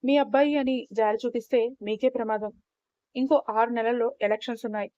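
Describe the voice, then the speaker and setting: A woman's voice: fairly high pitch, steady tone, a little fast, a little mellow, no echo, lightly acted. A woman voicing a remorseful young woman who speaks earnestly and apologetically in a story reading. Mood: composed. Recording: dull, dry lo-fi recording.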